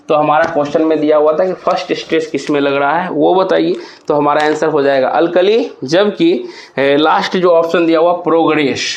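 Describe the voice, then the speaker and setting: Guy teaching exam revision, spells words out letter by letter, slightly high voice, muffled audio. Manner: spells words letter by letter slowly, addresses students as bhaiya.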